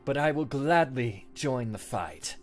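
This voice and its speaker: A man's voice: medium pitch, expressive, a little slow, natural voice. A man voicing a brooding, earnest anti-hero hedgehog, solemnly declaiming lyrics like a dramatic storybook reading. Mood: solemn, rousing. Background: music.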